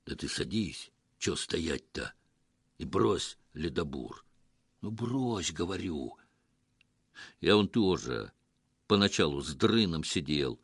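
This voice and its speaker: A man voicing a gruff, grumbling village man with a hoarse voice in an audiobook story. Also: a bass voice, expressive, slow pace, pauses often, no echo, studio quality, voice pushed down, exaggerated voice. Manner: grumbling, stern.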